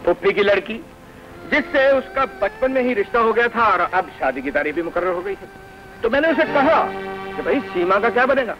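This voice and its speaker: An actor playing a wisecracking comic student friend who talks in a joking, teasing way, in 1980 film dialogue on an old film soundtrack with music. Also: male voice, high voice, animated, dull audio.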